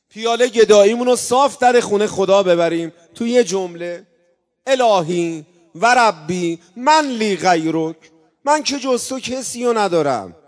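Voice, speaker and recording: A man preaching a religious sermon, coaxing his audience and breaking into chanted invocations, with sudden swings between loud and soft. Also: high voice, big-room sound. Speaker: religious speaker. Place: religious gathering hall.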